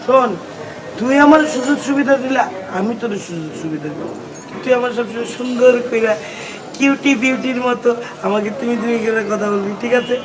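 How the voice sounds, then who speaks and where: A man's voice: extremely high pitch, fairly quick, background noise. A man playing a boastful young male gatekeeper who keeps demanding respect in a comic drama. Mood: bragging. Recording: music playing under the voice.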